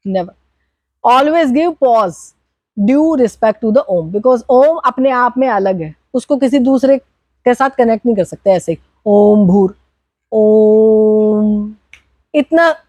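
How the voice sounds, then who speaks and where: High-voiced woman teaching mantra chanting. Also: a little mellow, no echo. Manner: instructive, checks in with "theek hai?" often, demonstrates chants. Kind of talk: workshop teaching, mixing Hindi and English.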